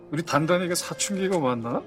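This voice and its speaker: A gentle coaxing father. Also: on the high side. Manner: soft, coaxing, chuckling fondly. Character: gentle middle-aged father coaxing his sulky daughter. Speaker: father in a TV drama. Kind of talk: TV drama dialogue.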